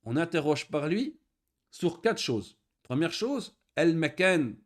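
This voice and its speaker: Man, teacher, fairly high voice, patient explaining, slow careful reading. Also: sing-song. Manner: explains patiently, reads Arabic slowly, then translates. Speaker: Arabic teacher. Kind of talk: recorded online lesson.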